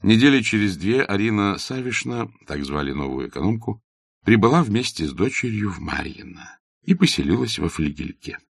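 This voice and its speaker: A man narrating a classic novel as an audiobook in a measured, even reading. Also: fairly low pitch, gravelly, husky, no echo, studio quality. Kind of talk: scripted literary narration.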